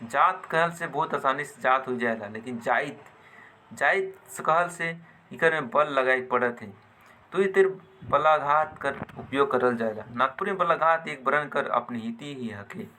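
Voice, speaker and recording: A man teaching a grammar lesson, deliberately repeating example words in pairs. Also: mid-range voice, pushed and bright, a little hiss or hum.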